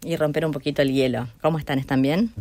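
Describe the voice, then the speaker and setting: A woman hosting a radio podcast interview in a studio, presenting in a clear, measured way. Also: low voice, fairly even intonation, crowd noise. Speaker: podcast host.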